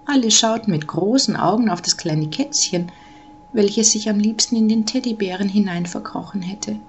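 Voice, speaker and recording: A woman gently reading a children's Christmas story aloud, measured and calm. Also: mid-range voice, a little hiss or hum.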